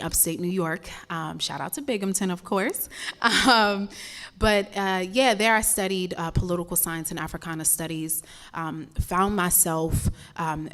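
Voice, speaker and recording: On stage at a live campus event, a young Ghanaian spoken word poet with a lowish voice addresses the crowd, then performs a poem. Her delivery is rhythmic and impassioned, with repeated words.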